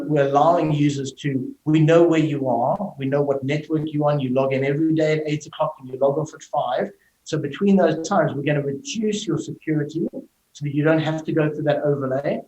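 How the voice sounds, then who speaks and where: His voice is on the high side and a little mellow: a middle-aged South African tech executive answering interview questions fluently and explanatorily on a video call, filling gaps with "you know." The sound has a roomy echo.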